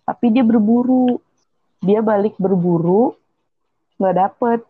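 A woman's voice: medium pitch, takes it slowly, slightly rough, no room sound, narrow, tinny audio. A young woman chatting casually, retelling a folk tale in a rambling way and correcting herself as she goes.

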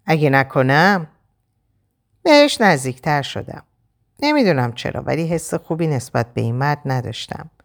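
A woman narrating a dramatic story in first person, her voice low for a woman and gravelly. Her delivery is lively, with wide pitch swings.

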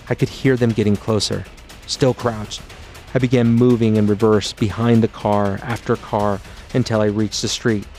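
A man narrating his own memoir as an audiobook in a steady, low-key storytelling delivery.

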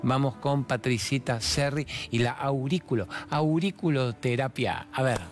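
A man in his sixties with an Argentine accent, hosting a TV talk show in a fast, playful, expressive way that moves from jokes to spiritual reflection. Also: medium pitch. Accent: Argentine Spanish. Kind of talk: chatty monologue with humorous anecdotes and sponsor mentions.

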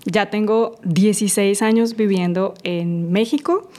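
A woman's voice: mid-range voice, measured pace, dark tone. A woman in her forties from Colombia with a Colombian Spanish accent, a guest entrepreneur talking on a podcast interview, chatty and laughing often.

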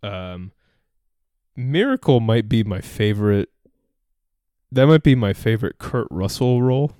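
A man's voice: fairly low pitch, expressive, unhurried, warm tone, no echo, clean studio sound. A man co-hosting a podcast, chatting casually about movies with a laid-back, wry manner. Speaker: podcast co-host.

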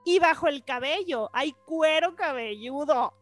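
A woman with a Mexican Spanish accent, a podcast guest chatting casually in a lively, animated way. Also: high voice, measured pace, loud music behind the voice. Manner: lively, animated, trails off into quiet musing. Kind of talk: casual chat.

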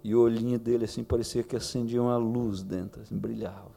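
A man's voice: medium pitch, steady tone, quick pace, vocal fry, dark tone, soft background music. A Brazilian man in his forties preaching a sermon with a Brazilian Portuguese accent, telling stories and rising to fervent emphasis.

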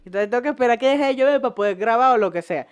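A man's voice: very high-pitched, racing, clear, resonant tone. A young man with a Venezuelan accent hosting a casual podcast, telling stories with lots of swearing, jokes and laughter. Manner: profane, joking, laughs often. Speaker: podcast host. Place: home podcast set.

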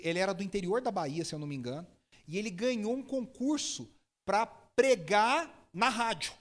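Male preacher, high voice, lively sermon storyteller. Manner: lively storytelling, impersonates people with sudden high shouts.

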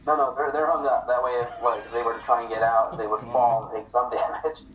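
A man's voice: mid-range voice, steady tone, fairly quick, a bit bright, lo-fi sound. A man chatting and joking as a player in a tabletop game, rambling through his moves. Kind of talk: casual tabletop game chat. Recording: roomy, distant, crowd behind.

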